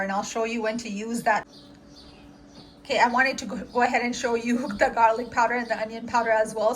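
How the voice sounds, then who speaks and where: A woman with a slightly high voice talks her viewers through a recipe step by step in a home kitchen. Her manner is chatty and instructive. Faint sizzling noise sits underneath her voice. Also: a bit bright. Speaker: cooking vlogger. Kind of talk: casual cooking demo.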